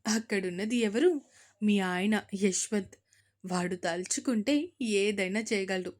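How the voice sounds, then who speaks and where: A woman voicing a proud older mother-in-law in an audio story, speaking loudly and emphatically. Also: medium pitch, a little slow, close to an everyday voice. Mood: emphatic.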